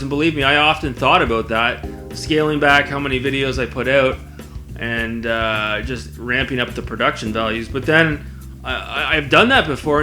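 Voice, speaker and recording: A man with a bright, forward voice talks casually as a video blogger. He rambles conversationally at an average pitch, with faint music around him. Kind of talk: casual spoken vlog to camera.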